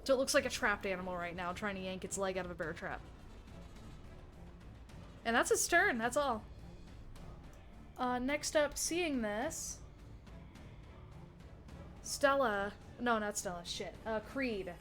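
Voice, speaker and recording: A woman's voice: mid-range voice, expressive, a little slow, pauses often, a bit bright, soft background music. A woman narrating as game master in a tabletop game, describing the action with lots of restarts and fillers.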